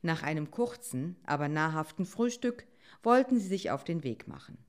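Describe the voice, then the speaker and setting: A woman calmly reading a children's animal story aloud as narrator. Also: low-pitched, moderate pace.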